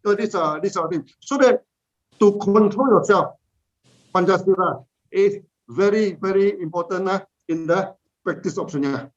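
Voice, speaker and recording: A middle-aged man with a Malaysian accent teaching meditation over a video call, halting, with many fillers and repeated words. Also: high voice. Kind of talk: slow spoken instruction at a virtual gathering. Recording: dull lo-fi online call audio.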